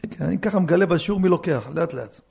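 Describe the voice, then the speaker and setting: Gravelly high-voiced male rabbi teaching. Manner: lively storyteller, joking asides, swings from hushed to loud. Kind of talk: Torah lesson with anecdotes.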